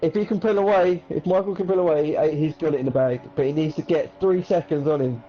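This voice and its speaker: A man doing live commentary on an online racing league, excitable, his voice jumping up whenever something happens on track. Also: fairly high pitch, quick pace, faint music behind. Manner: excitable, voice jumps up at incidents. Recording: dull lo-fi sound with game noise behind. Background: racing game engine noise.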